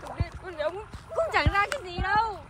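A woman voicing a very high, defiant young woman. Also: animated, a little fast, crowd noise. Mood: indignant. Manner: indignant, scolding, defiant. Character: young woman defending her poor lover. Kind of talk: fan audio drama acting. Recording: very noisy homemade recording.

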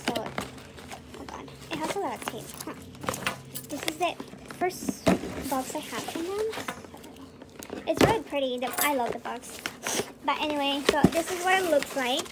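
A young woman chatting casually as she unboxes and reviews beauty products, excitable and gushing. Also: high voice, measured pace, long pauses, heavy background noise. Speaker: beauty vlogger.

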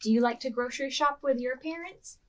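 A higher-pitched woman reads briskly to preschoolers while hosting a virtual storytime as a children's librarian. She is expressive and asks the small children questions, along with giving instructions.

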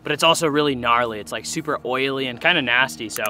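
A young man chatting casually to his camera outdoors by a river, relaxed and self-deprecating. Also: medium pitch, fast. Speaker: vlogger. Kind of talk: casual outdoor vlog narration. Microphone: action camera, handheld or chest-mounted.

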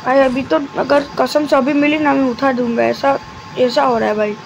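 Guy with a pretty high voice, keeps it low and soft while streaming his game, faint hiss behind. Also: level tone, vocal fry, low-quality recording. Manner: talks deliberately quiet and soft; chatty, keeps addressing viewers as guys and brother. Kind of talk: live gameplay commentary.

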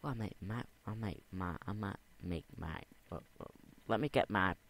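A man's voice: lowish voice, moderate pace, a bit bright. A young man rambling and talking to himself as he plays a game, repeating words under his breath. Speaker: gamer. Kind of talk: game commentary.

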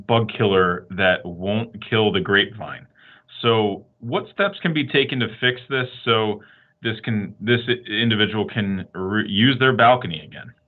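Man, town hall host, halting with restarts, lowish voice, tinny phone-like sound. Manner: halting, repeats words, many restarts. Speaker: state representative hosting a town hall. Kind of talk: virtual town hall moderation.

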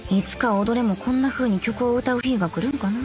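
A woman's voice: fairly high pitch, brisk, lightly acted. Straight-man role: actress playing a blunt Kansai woman, snappy comebacks, faint music behind. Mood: scolding. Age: adult. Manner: sharp retorts, straight-man scolding. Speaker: commentary co-host. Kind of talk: in-character anime commentary.

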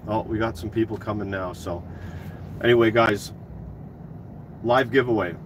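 His voice is fairly low in pitch and a bit bright as he hosts a giveaway on a livestream, chatting in a relaxed way with viewers. He is a trade YouTuber in his thirties, sitting in a parked work truck cab, recording on a phone at arm's length with clear vehicle and outside noise.

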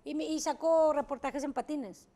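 A woman's voice: high voice, moderate pace, mellow. A woman telling stories as a talk show guest, blunt and emphatic, swearing casually as she talks. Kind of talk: candid interview storytelling.

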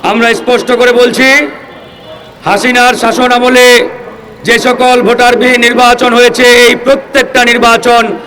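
A man's voice: extremely high pitch, flat delivery, unhurried, pushed and bright, poor audio. A Bangladeshi man delivering an impassioned political speech in the declamatory manner of a soapbox orator, addressing his supporters. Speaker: political activist speaker. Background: crowd of supporters.

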